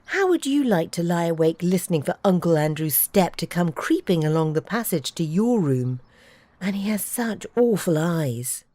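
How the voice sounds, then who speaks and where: A woman's voice: lowish voice, big pitch swings, moderate pace, warm tone, no room sound, studio quality. A woman voicing an unhappy young boy who speaks in an earnest, wound-up way. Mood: confiding.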